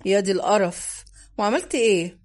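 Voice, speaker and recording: A woman's voice: mid-range voice, a little fast, darkish tone, voice pushed down, natural voice. A woman voicing a tired adult man with an Egyptian accent, in a subdued manner, in an audiobook. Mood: weary. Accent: Egyptian Arabic. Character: weary adult man, the story's narrator in dialogue. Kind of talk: audiobook character voice.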